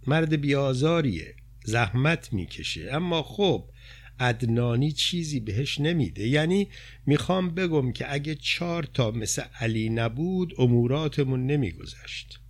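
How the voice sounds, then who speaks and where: A man's voice: medium pitch, lively intonation. A man voicing a poor, blunt young woman who talks plainly and in confidence about her past. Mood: confiding.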